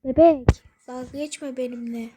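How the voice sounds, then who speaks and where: A woman commenting on a horror game as she plays, swearing a lot and swinging between loud threats and hushed whispers. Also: sits high, steady tone, normal speed. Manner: scared, swearing often. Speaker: gamer.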